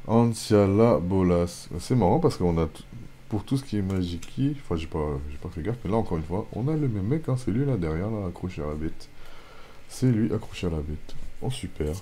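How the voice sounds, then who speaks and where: A man with a French accent opening trading card packs on his channel, listing card names one after another and breaking into excited bursts over rare pulls. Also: low voice, normal speed, a little hiss or hum. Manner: reads card names in a steady list, bursts into excited exclamations. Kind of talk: casual pack-opening commentary.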